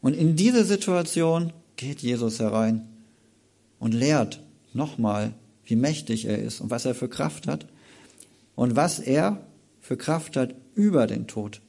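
Gravelly, husky man preaching a sermon. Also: medium pitch, slow pace. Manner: reads scripture aloud then comments in an informal, lively way.

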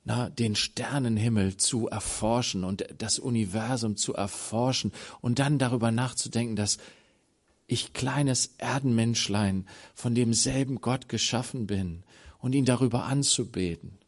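A man with a mid-range voice preaches a sermon a little slowly. He drops to hushed tones, then rises to loud appeals while acting out biblical dialogue.

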